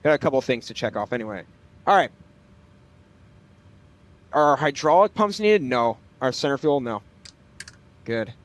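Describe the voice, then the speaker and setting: A man's voice: mid-range voice, expressive, unhurried, pauses often. A man livestreaming a flight simulator, talking casually and hesitantly as he thinks aloud. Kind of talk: casual livestream commentary with pilot radio calls.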